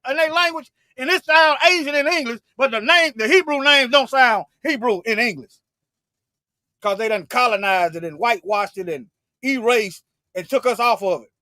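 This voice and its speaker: A man preaching fervently in a livestream, repeating himself and restarting phrases, swinging between loud emphatic bursts and low asides. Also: moderate pace, no echo, clean studio sound. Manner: fervent, repetitive, with frequent restarts. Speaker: online Bible teacher.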